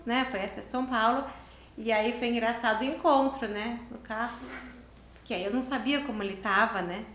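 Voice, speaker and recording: Animated Brazilian woman telling a story. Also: a little high. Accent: Brazilian Portuguese. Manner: animated, acting out the dialogue of her story. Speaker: interview guest, writer and lawyer. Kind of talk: casual storytelling in an interview. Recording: roomy echo.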